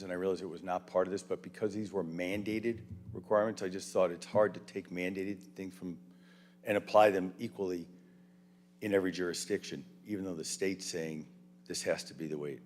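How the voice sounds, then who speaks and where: A man with a very low voice makes his case to a town council. He speaks politely and hesitantly, repeating words as he searches for them. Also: fairly even intonation, fairly quick, darkish tone. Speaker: resident speaking at public comment. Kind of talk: public comment at a town council meeting.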